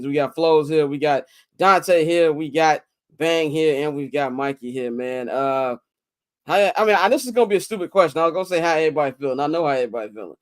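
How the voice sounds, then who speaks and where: A hungover man hosting a casual sports talk show in a slangy, conversational way. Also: a little high.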